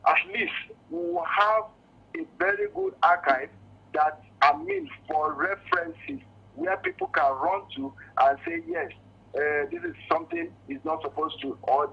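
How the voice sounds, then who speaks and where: A Nigerian man with a Nigerian accent phones in to a radio show, spontaneously sharing his opinion in an earnest, insistent way and often repeating words. His very high, creaky voice swoops wildly in pitch at normal speed, heard over a muffled, lo-fi phone line.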